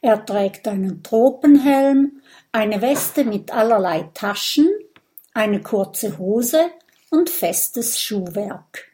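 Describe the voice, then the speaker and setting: A woman narrates a children's story in an unhurried, measured way. Her pitch sits in a plain middle range, and she leans gently into each scene. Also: lively intonation, a little hiss or hum. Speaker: audiobook narrator. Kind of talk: children's audiobook reading.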